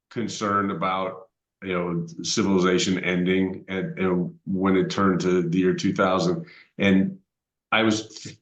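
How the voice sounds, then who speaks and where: Co-host, man in his fifties, lowish voice, musing and rambling, roomy dull recording. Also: fairly bright tone. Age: 50s. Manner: reflective, rambling with fillers. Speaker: podcast co-host. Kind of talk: casual chat. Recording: echoey room, dull lo-fi sound.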